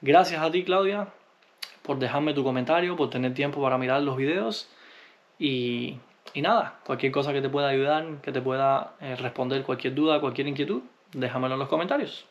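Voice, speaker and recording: Man, vlogger, easygoing, halting with fillers, mid-pitched voice. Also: highs cut off. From Cuba. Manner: relaxed, unhurried, with frequent hesitations. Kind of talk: answering viewer comments.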